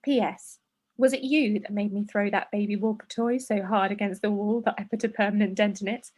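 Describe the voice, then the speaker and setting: Brisk and fairly even in intonation, this woman's medium-pitched, darkish voice comes through a video call as she co-hosts a podcast. She chats, reads out a letter from a listener, and ends up emotional, laughing through tears.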